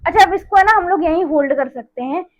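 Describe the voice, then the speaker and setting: An extremely high-pitched woman talks fast through a chatty, casual maths lesson. Each step gets repeated with "theek hai", and she checks in frequently. The audio is poor.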